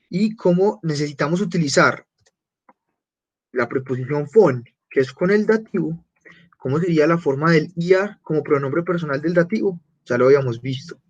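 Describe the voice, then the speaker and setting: Man, German teacher, beginner class, patient, slow and clear, somewhat high voice, muffled video-call audio. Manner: patient, repeats German phrases slowly and clearly.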